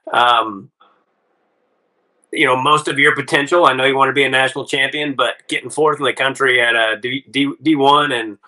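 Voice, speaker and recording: Bright-voiced middle-aged male wrestling host. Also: medium pitch, low-quality recording. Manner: friendly, rambling with many fillers. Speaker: podcast host. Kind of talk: casual interview chat.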